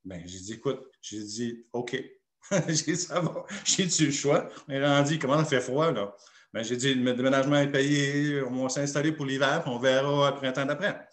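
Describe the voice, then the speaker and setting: A man's voice: mid-range voice, moderate pace, a bit bright, echoey room. A man with a Québécois French accent, a pastor telling a personal story in a sermon and acting out the dialogue. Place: church.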